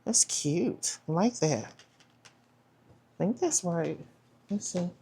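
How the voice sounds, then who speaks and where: Chatty lady unboxing planner stuff, kinda low voice, takes her time. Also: animated, extremely slow, warm tone, slightly rough. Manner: chatty, trailing off and restarting, says "y'all". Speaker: planner vlogger. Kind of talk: casual unboxing chat.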